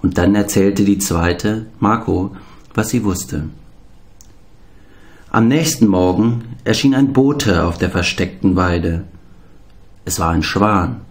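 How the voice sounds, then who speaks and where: Man reading a children's story, low voice, unhurried and calm. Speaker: audiobook narrator. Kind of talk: children's audiobook narration.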